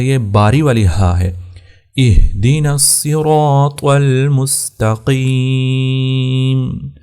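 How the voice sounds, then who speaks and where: A man teaching tajweed, explaining plainly and then chanting verses slowly and drawn out. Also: medium pitch, a little mellow. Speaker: Quran recitation teacher. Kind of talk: tajweed lesson with slow chanted recitation.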